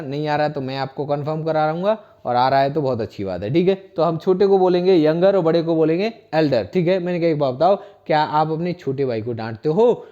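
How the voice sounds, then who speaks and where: Patiently repeating each phrase and spelling out every word letter by letter, an Indian-accented man teaches spoken English in a classroom-style lesson. His fairly high voice is mellow, heard through a dull, lo-fi recording.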